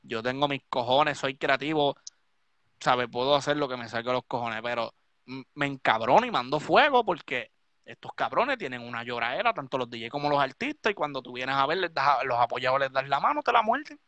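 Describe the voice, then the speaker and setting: A man's voice: mid-range voice, expressive, a little fast, a bit bright, dry recording, muffled recording. A Puerto Rican man, a DJ hosting a live stream, ranting drunk and swearing heavily. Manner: profane, heated, repetitive ranting.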